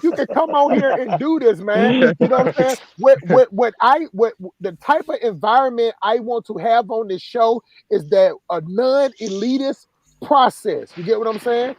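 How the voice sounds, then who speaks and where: A man's voice: extremely high pitch, expressive, normal speed, dull audio. A man hosting a casual live stream, rambling with many restarts. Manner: rambling, many restarts and "you know what I'm saying".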